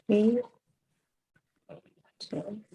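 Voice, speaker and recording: A woman giving halting, sparse instructions as an organizer on an online call. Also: warm tone. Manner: hesitant, sparse phrasing.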